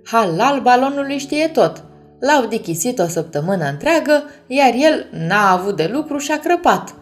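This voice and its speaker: Lady doing a jeering dwarf crowd in a kids' story, loud and mocking, swooping pitch. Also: very animated, soft background music.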